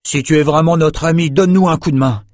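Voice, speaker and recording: A man's voice: fairly high pitch, fast talker, darkish tone, no room sound, voice pushed up, lightly acted. A man putting on a sulky young lout in a storybook reading, grumbling and defensive, his voice raised well above his own, recorded close and dry.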